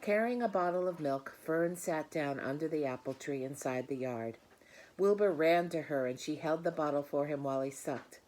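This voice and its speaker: Reading a children's book to her audience, this woman pauses for explanatory asides addressed straight to the listeners. Her voice is low and a little mellow, at normal speed, in a rough recording.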